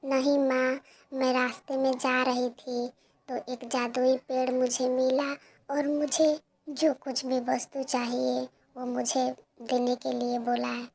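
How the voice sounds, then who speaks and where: A woman's voice: high-pitched, little pitch movement, slow pace, darkish tone. Woman doing a meek, tearful little girl. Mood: tearful pleading. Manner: pleading, whimpering.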